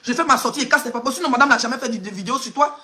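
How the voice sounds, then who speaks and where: Fast, high, bright Ivorian woman ranting. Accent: Ivorian French. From Côte d'Ivoire. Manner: emphatic, mocking, talks straight at the person she criticizes, laughs often. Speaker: online gossip blogger. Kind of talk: live video commentary.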